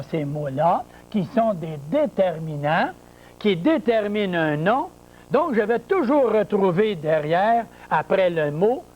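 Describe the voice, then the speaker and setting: High-voiced teacher, deliberate. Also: male voice, a little mellow, low-quality recording. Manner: slow, deliberate explaining with many repetitions and rhetorical questions; spells words out letter by letter. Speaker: French grammar teacher. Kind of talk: grammar lesson to camera.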